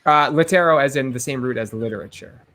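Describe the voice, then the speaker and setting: A man narrating a tabletop game as game master, in halting, measured phrases. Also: medium pitch, a bit bright.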